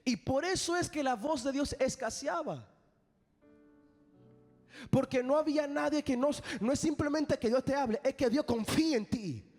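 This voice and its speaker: A young man preaching an impassioned sermon, at times lifting into sung, shouted phrases. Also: very high-pitched, normal speed, faint music behind. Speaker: evangelist preacher. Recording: long church hall reverb.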